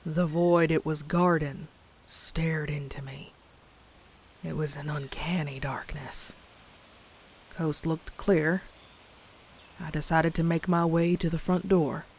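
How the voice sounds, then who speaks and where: A woman with a low, steady, exaggerated voice plays a terrified pony narrating a horror comic dub. She builds hushed dread, going slow and suspenseful and dropping into breathy whispers in a dramatic style.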